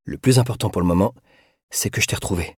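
A man voicing a stern young soldier in a storybook reading, with a low, firm voice that turns soft and hushed. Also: fast talker, breathy edge, no room sound, clean studio sound. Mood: gentle, hushed. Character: stern young male soldier, harsh in public, tender in private.

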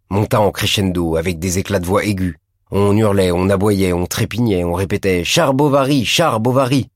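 A man narrating a classic novel in a measured, deliberate reading. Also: sits low, a little mellow, dry recording, studio quality. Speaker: audiobook narrator.

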